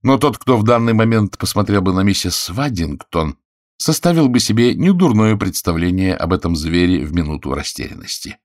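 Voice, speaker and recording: A man reading a comic novel aloud in measured literary narration. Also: low-pitched, expressive, no echo, clean studio sound. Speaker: audiobook reader. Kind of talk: scripted narration.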